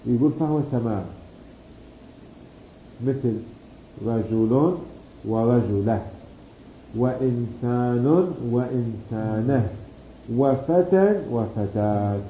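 Guy teaching grammar, very dark mellow voice, roomy dull sound, faint hum behind. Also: mid-range voice, takes it slowly, pauses often. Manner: explains patiently, stretches key words, asks and answers himself. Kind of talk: grammar lesson explaining a text.

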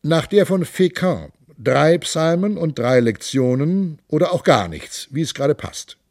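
A man's voice: expressive, unhurried, dry recording, clean studio sound. A man doing a boisterous, bawdy drinking monk. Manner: loud, hearty, high-pitched boisterous delivery. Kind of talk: audiobook character voice.

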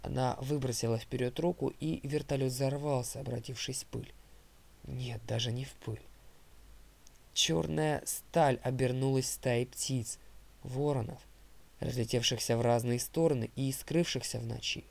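This audiobook is read by a man narrating in the first person with a steady delivery at a moderate pace. His voice is mid-pitched for a man, with a creaky, gravelly texture.

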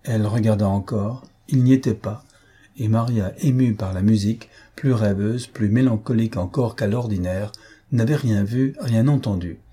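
Husky, dark-voiced male narrator. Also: on the low side, normal speed. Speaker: audiobook narrator. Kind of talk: classic novel reading.

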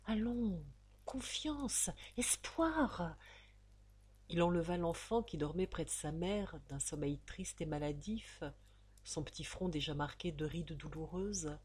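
A woman with a husky voice narrating a nineteenth-century melodrama in an expressive, dramatic reading. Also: deep voice, moderate pace. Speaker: audiobook narrator.

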